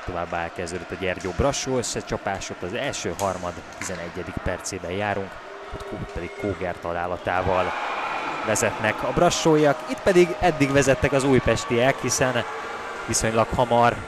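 A man giving excited live ice hockey commentary, his delivery swelling as the play develops. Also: lowish voice. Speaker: sports commentator. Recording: loud arena noise behind commentary. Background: ice rink ambience.

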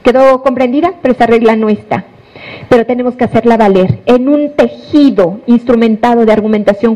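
A woman delivers a law lecture in a high voice. She is animated, fires questions at her listeners and calls them by pet names while driving her points home. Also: low-quality recording.

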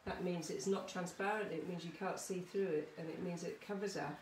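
In a lowish, slightly mellow voice with fairly even intonation, a middle-aged woman briskly leads a casual art demo for children, encouraging them and checking in often. She is an artist working in a small conservatory-style home studio. A nearby camera or phone gives the recording a roomy, distant feel with some background noise.

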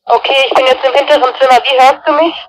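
A woman's voice comes through a handheld two-way radio, a little higher than most, with a dry, close sound. She keeps her replies short and plain, like someone doing radio checks. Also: fairly even intonation, fast, no echo, low-quality recording. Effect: heard through a handheld two-way radio. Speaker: radio test partner. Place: on a balcony, then indoors.

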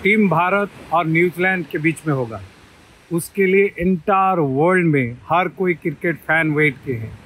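Bright-voiced man speaking haltingly. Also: sits high, slight background noise, rough recording. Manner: halting, searching for words. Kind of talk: talking to camera. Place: beach outdoors. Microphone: phone camera close up.

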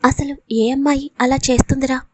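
A woman voicing a devoted young man who gently reassures the woman he loves, in a storybook reading. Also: sits high, fairly even intonation, moderate pace, dry recording. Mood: tender.

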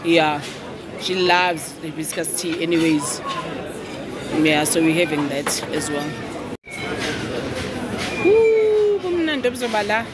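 A woman's voice: lowish voice, big pitch swings, measured pace, pauses often. Middle-aged woman vlogging, leisurely and chatty; phone recording over crowd hubbub. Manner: chatty, keeps saying "guys". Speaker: lifestyle vlogger. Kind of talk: casual vlog. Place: airport terminal, then home kitchen. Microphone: phone at arm's length. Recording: phone video with crowd and background noise.

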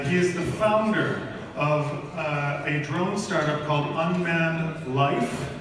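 A man with a Canadian accent hosting a live startup competition, upbeat and loose, stumbling over names. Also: a little high. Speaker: event host. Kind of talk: live event emceeing. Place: large event hall. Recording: echoey hall, speaker far off, faint noise.

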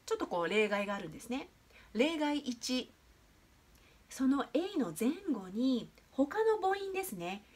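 A woman teaching English pronunciation, explaining step by step with frequent hesitation fillers. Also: a little high.

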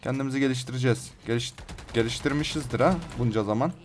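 Excitable man commenting on his gameplay. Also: mid-range voice, fast talker, a little hiss or hum. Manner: excited, rough-edged banter, addressing viewers. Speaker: gaming channel host.

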